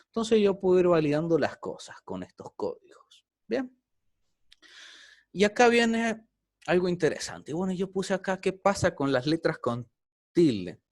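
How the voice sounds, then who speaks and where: A man's voice: high voice, very animated, unhurried, no room sound. A man teaching an online programming class, explaining step by step and often checking in with the students.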